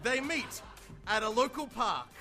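A man's voice: very high voice, big pitch swings, unhurried. A man hosting as a playful, theatrical announcer for a mock comedy broadcast. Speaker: announcer, host. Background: music.

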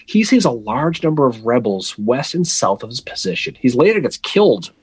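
A man with a husky, slightly breathy voice co-hosts a casual history podcast, his pitch swinging widely as he tells the story. He drops wry asides as he goes. The sound is close and dry. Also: very animated, normal speed, no echo. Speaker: podcast co-host.

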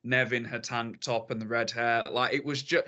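Male podcast co-host. Bright, edgy voice; camp, sassy, effusive, conversational. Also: mid-range voice, fairly even intonation, normal speed, lo-fi sound. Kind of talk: casual film discussion.

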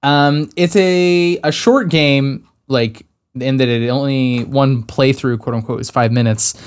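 A young man hosting a podcast, chatting casually and laughing often between quick asides. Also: mid-range voice, fairly even intonation, smooth. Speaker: podcast host. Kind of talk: casual chat.

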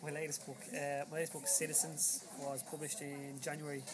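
A man with an Irish accent giving a casual, halting interview as an author, in a low-quality recording. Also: little pitch movement. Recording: low-quality recording, loud crowd chatter behind.

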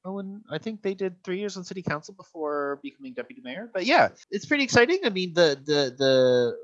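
A man's voice: high-pitched, very animated, a little fast, a bit bright. A man co-hosting a casual news commentary in an emphatic, conversational way, on a slightly dull recording. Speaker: co-host.

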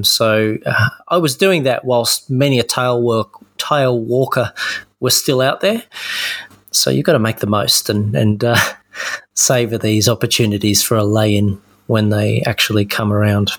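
An Australian man with a croaky, frog-in-the-throat voice from being unwell, chatting casually and good-humouredly as a podcast co-host. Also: on the low side, a bit bright. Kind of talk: casual chat.

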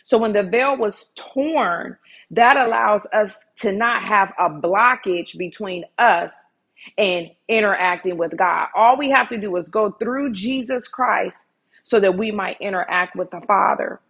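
Female preacher, breathy timbre, earnest sermon delivery with repeated emphasis. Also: medium pitch, a little slow, a bit bright.

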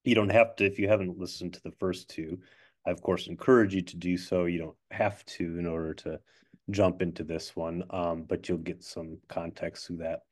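A man hosting a podcast in casual chat, halting and self-deprecating as he talks. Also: sits low, steady tone. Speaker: podcast host. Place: office. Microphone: not his regular microphone.

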